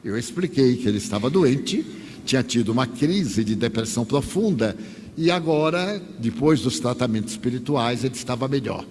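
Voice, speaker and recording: An older man from Bahia with a Bahian accent, a spiritist lecturer, telling a story in an animated, wry, anecdotal way. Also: medium pitch, normal speed. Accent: Bahian Portuguese. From Bahia, Brazil. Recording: echoey hall, faint noise.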